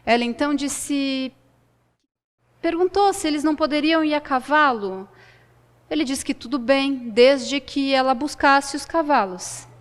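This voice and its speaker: A woman telling a folk tale aloud with expressive delivery, dramatic pauses and a shifting pace. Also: sits high, long reverb tail. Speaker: storyteller. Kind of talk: oral folk-tale storytelling.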